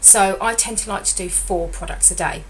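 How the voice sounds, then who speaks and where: Her voice is mid-range and a bit croaky, moving at a moderate pace as this middle-aged weight loss consultant chats through a rambling diet vlog update. She keeps correcting herself, and the rough recording carries a little hiss or hum.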